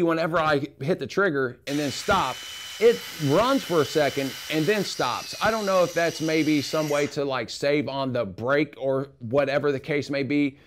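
A man giving a casual, rambling tool review in his home garage, with frank opinions. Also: fairly high pitch.

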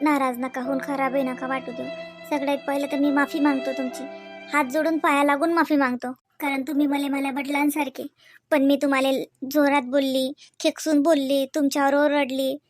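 A woman's voice: sits high, level tone, moderate pace, over music, close to an everyday voice. A woman voicing a remorseful young daughter-in-law who pleads for forgiveness. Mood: apologetic. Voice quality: pleading, apologetic.

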